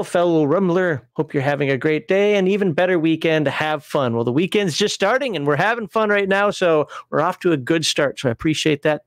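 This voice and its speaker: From home, a middle-aged man hosts a casual livestream over a video call, reading chat messages and laughing often. His voice is on the high side, and the studio-quality audio has no echo.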